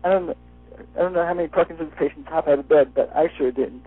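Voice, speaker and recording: A man's voice: a little high, fairly quick, breathy edge, dry recording. A man wearing a retainer as he talks, giving a personal testimonial as an interview guest over the phone. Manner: talking with a dental appliance in the mouth, like wearing a retainer. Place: phone call. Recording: muffled phone line, faint music behind.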